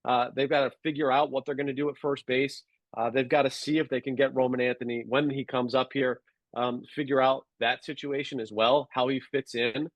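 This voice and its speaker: A man talking sports as a podcast guest, measured and analytical, with frequent fillers and restarts. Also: medium pitch, steady tone, no room sound, lo-fi sound. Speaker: guest sports radio producer. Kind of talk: casual sports podcast chat.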